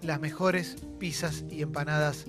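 A man's voice: on the high side, fairly even intonation, a little slow. A man with an Argentine accent, a radio co-host enthusiastically plugging sponsors with chatty fillers. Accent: Argentine Spanish. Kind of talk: casual radio sponsor plugs. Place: radio studio. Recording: radio studio with music under. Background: music.

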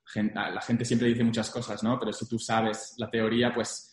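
A young man with a medium-pitched voice, a former investment banking analyst, recounts his career in a casual interview at a moderate pace and with a completely flat delivery. He speaks Spanglish, dropping English business terms into his Spanish. The room is echoey.

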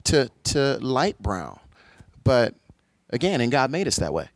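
A man's voice: medium pitch, sing-song, unhurried, dry recording. A man hosting a conversation on faith, affirming his guest and reflecting aloud with frequent restarts. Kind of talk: conversational talk on faith and society.

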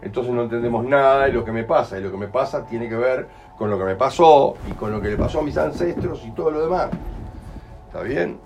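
A man's voice: mid-range voice, brisk, darkish tone, soft background music, poor audio. Uruguayan man explaining colloquially. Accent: Uruguayan Spanish. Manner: colloquial, explains with acted examples and asks ¿entendés?. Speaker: healing workshop leader. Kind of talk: in-person talk to a small group.

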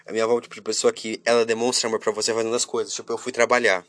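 A young man talking casually and openly to his viewers. He shifts between loud, lively bursts and quiet, subdued stretches. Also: on the low side, racing. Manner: chatty, talks straight to viewers, often breaks off and restarts. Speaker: vlogger. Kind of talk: casual confessional monologue.

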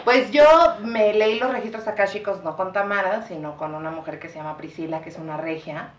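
A woman's voice: medium pitch, fairly even intonation, a little fast. A Mexican woman co-hosting a podcast, chatting casually in slangy talk and swearing freely. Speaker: podcast co-host. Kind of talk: casual chat. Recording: echoey room, mic far off, faint noise.

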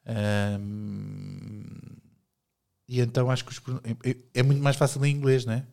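A man's voice: mid-range voice, flat delivery, moderate pace, gravelly, darkish tone. A middle-aged man with a European Portuguese accent, co-hosting a casual podcast chat in a blunt, joking way that is full of casual swearing. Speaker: podcast co-host.

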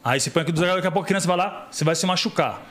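A man's voice: sits high, very fast. A middle-aged man from Brazil, a podcast guest in casual conversation, telling stories and acting out the voices of the people in them. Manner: animated storyteller, acts out quoted dialogue.

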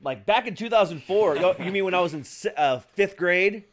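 A man's voice: high-pitched, animated, a little fast. A man in his forties hosting a casual podcast chat, laid-back, swearing and laughing often. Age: 40s. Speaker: podcast host.

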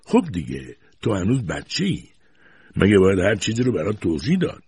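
Old grandmother, over 60, tender and patient, read by a male narrator, low husky storybook tone. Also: wildly swooping pitch, full character voice. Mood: gentle. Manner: soft, tender and soothing. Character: gentle, loving old grandmother.

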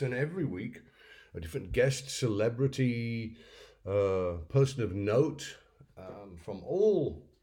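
Reflective man, low mellow voice. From North Yorkshire, England. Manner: rambling, reflective, with many fillers and restarts. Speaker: podcast host. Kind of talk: solo podcast monologue.

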